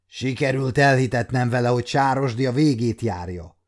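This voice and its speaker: A man's voice: medium pitch, lightly acted. A man in his fifties voicing a scheming courtier who reports his deceit in a sly, matter-of-fact way. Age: 50s.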